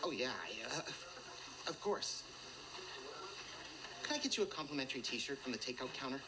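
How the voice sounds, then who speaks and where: An actor playing a nervous, fawning restaurant manager who stammers and sounds flustered. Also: male voice, medium pitch, lively intonation, normal speed, very noisy, natural voice.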